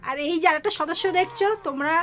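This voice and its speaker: High-pitched woman vlogger in her thirties, chatty and eager, phone-filmed walk-and-talk. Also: fast talker. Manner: chatty, keeps urging viewers to look. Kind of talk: casual walk-and-talk vlog. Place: residential lanes, then a home.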